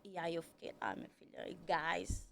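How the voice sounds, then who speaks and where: A woman's voice: fairly low pitch, sing-song, normal speed, creaky, fairly bright tone, slight background noise. A woman, telling her story as a podcast guest, chatty and full of tag questions. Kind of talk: casual storytelling.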